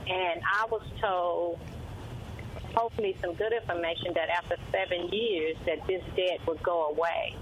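A woman's voice: fairly low pitch, fairly even intonation, normal speed, a little hiss or hum. A woman calling in over a phone line to a radio show. She speaks hesitantly and halts with many fillers. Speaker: caller. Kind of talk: call-in radio chat.

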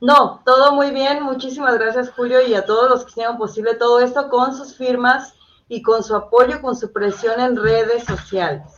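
A woman's voice: fairly high pitch, steady tone, normal speed. Mexican woman, earnest, on dull lo-fi audio. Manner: earnest, detailed storytelling, checks she is understood. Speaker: interview guest, caregiver mother. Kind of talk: conversational personal account.

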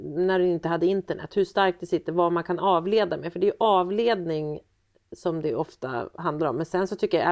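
A woman's voice: fairly low pitch, darkish tone. A woman co-hosting a casual chat over a video call, rambling with many fillers and restarts, from a small room full of guitars. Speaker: podcast co-host, mother.

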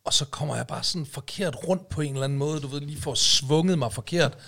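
A man's voice: on the high side, creaky, pushed and bright. A man co-hosting a casual podcast chat, telling long stories full of fillers. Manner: rambling storyteller, many fillers and "du ved, ikke?". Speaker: podcast co-host.

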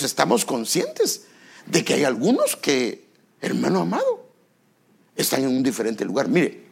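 A man's voice: on the high side, gravelly, breathy edge. A male pastor preaching a sermon, asking the congregation rhetorical questions and stressing repeated words.

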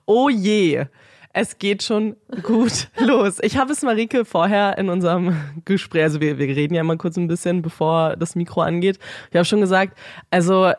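A woman's voice: fairly low pitch, moderate pace, a little mellow, no room sound, clean studio sound. A woman hosting a podcast in casual chat, her nose blocked from a cold. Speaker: podcast host.

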